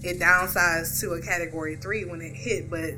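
A woman's voice: fairly low pitch, fairly even intonation, normal speed, pushed and bright. A woman in casual conversation, easygoing and chatty, laughing between phrases. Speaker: podcast co-host. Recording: music clearly behind voice.

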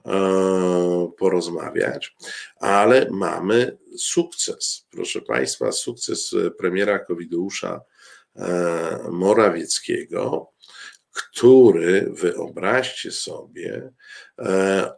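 Halting, gravelly low-voiced man. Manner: halting, many filler sounds and restarts; ironic, addresses the audience directly. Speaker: commentator. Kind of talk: political commentary show.

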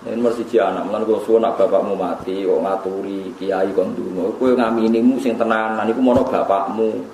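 A man's voice: fairly low pitch, brisk. Javanese guy preaching, chatty storytelling, arabic bits, echoey room with faint hum. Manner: lively storytelling with Arabic recitation and laughter. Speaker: Islamic preacher. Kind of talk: sermon to a gathering.

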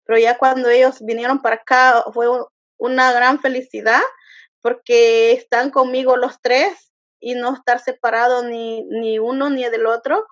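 A woman with a slightly high voice, telling her story in an earnest, halting way, stopping and restarting often. The sound is dull and lo-fi, with a dry, close feel. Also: flat delivery, no room sound. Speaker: interviewee. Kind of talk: emotional personal testimony.

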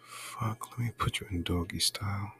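A man doing an intimate whispered role-play right in your ear, breathy and coaxing, close to the mic. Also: moderate pace, pushed and bright, slight background noise. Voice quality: breathy, mostly whispered low voice.

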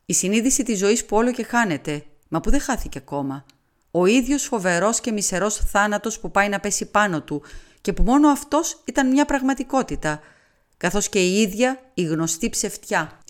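A woman reading a classic novel aloud as an audiobook, in an expressive, dramatic narration. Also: mid-range voice. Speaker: audiobook reader. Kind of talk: scripted literary narration.

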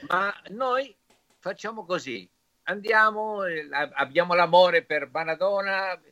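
An Argentine man, a native Spanish speaker, talks slowly with his Spanish accent plainly audible. His voice is bright and sharp, recorded dry. He gropes for words and restarts often as he answers casually as an interview guest. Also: high voice, dry recording. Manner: halting, searching for words in Italian.

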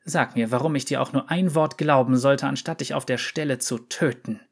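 A man's voice: medium pitch, moderate pace, creaky, husky. A man doing a hissing, menacing female veteran. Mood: threatening. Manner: hissing and threatening. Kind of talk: audiobook reading.

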